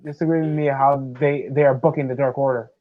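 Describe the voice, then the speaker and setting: A man's voice: medium pitch, fairly even intonation, fairly quick, phone-quality sound. A man on a wrestling watch-along panel, ranting bluntly in casual chat and swearing freely.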